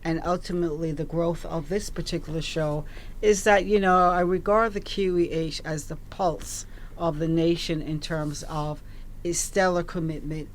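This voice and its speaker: A woman in her sixties, born in Barbados, speaking as a hospital operations chief on a radio show in a composed, measured way. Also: sits low, fairly even intonation, slight background noise. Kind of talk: radio interview guest.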